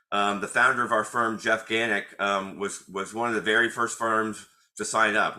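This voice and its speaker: A man's voice: fairly low pitch, bright, forceful tone. A middle-aged male attorney hosting an informal webinar, speaking hesitantly with many fillers and restarts.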